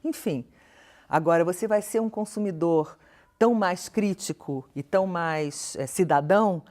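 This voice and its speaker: Guesting on a television studio interview, a Brazilian professor and researcher explains her views in a lowish, slightly mellow voice at an unhurried pace. She is articulate and questioning, pressing on key words.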